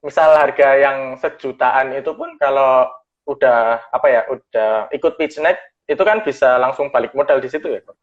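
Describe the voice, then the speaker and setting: A man's voice: mid-range voice, normal speed. Man asking questions over muffled audio. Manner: hesitant, many fillers, asks questions. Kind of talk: Instagram livestream talk.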